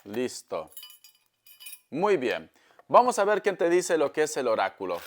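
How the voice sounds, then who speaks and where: A man's voice: fairly high pitch, very animated, a little slow. A man giving a tarot reading, telling a parable and calling the listener darling, with frequent talk of God. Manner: calls the listener "darling" often, preachy storytelling; religious, invokes God often. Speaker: tarot reader. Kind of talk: tarot reading monologue to camera.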